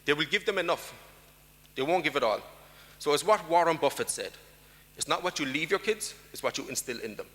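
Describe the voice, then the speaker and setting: With a slightly high, fairly bright voice and expressive delivery, an Irish speaker gives an emphatic conference talk at a slightly fast pace. The sound has a big-room quality from the large hall, and he poses rhetorical questions to the crowd.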